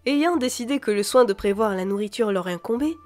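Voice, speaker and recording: A woman with a high voice reads a fantasy novel aloud, lively and expressive. She puts on voices for the dialogue, with faint music behind her. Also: fairly quick. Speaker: audiobook reader.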